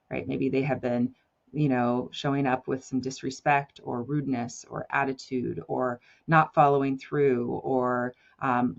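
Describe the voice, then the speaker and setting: A woman's voice: rumbling low, creaky. Woman parenting coach, encouraging, keeps saying right and you know, kinda muffled lo-fi audio.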